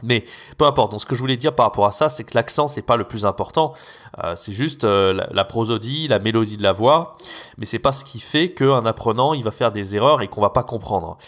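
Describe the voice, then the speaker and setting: A man's voice: fairly low pitch, fairly quick, fairly bright tone. A young man from France hosting an educational podcast, talking casually with many fillers and self-corrections. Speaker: podcast host, French teacher.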